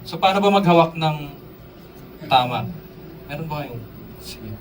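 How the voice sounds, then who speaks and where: A man's voice: a little high, expressive, measured pace, a little hiss or hum. Drum teacher quizzing his class. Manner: casual, asks the audience questions, code-switches with English terms. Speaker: drum instructor. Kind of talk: live drum workshop talk. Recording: voice distant from the mic, drums in the room.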